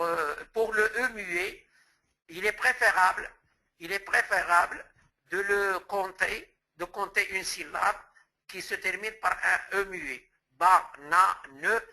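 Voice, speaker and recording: A man's voice: sits high, gravelly, sharp tone, rough recording. A man from Morocco giving a lecture as a teacher trainer, explaining step by step and restating terms with word examples.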